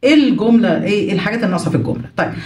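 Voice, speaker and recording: A woman English teacher with an Egyptian Arabic accent, going through a children's workbook. She says the English words slowly, glosses each in Arabic, and asks questions she then answers herself. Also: medium pitch, lively intonation, darkish tone, far from the mic. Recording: echoey room, voice a little off the mic.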